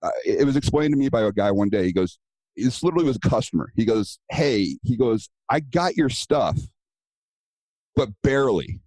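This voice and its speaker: A man with a low, warm, relaxed voice speaks as an interview guest. He tells stories in a casual, earnest way and acts out the other people's lines as he goes. The sound is dry, with no room around it. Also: quick pace, dry recording, low-quality recording. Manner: storytelling, acting out quoted dialogue; earnest, advice-giving. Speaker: guest, self-defense business owner.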